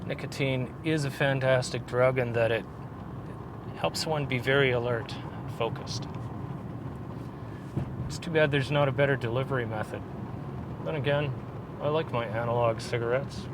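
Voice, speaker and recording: A man's voice: medium pitch, steady tone, normal speed, pauses often. A man chats casually to viewers in a laid-back, rambling way as he narrates a drive. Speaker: vlogger filming a drive. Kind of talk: casual driving vlog narration, chatting to viewers. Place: inside a moving car. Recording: clear vehicle noise. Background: car and road noise.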